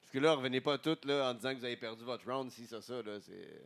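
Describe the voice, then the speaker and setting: Man, Quebec French accent, medium pitch, co-host, slangy casual podcast chat. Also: fast, gravelly.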